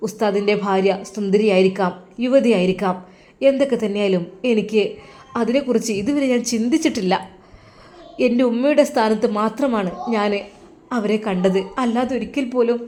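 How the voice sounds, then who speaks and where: A woman's voice: medium pitch, moderate pace, warm tone, natural voice. A woman voicing an earnest troubled young man. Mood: pained. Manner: earnest, pained inner monologue. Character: young man, devout and troubled religious student.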